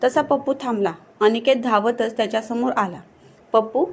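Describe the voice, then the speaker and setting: A woman's voice: fairly high pitch, normal speed. Woman telling a suspenseful ghost story. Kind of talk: horror story narration.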